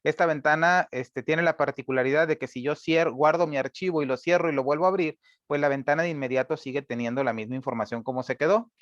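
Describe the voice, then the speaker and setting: A man's voice: fairly high pitch, quick pace, few pauses, no room sound. Man, screen-recorded lesson, dry close sound, muffled lo-fi tone. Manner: patient and step-by-step, frequent "eh" and "¿verdad?" tags. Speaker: instructor.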